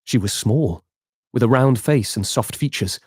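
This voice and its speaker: A man narrating a game epilogue as game master, with measured, dramatic storytelling. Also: medium pitch, darkish tone, slightly rough, no echo, clean studio sound.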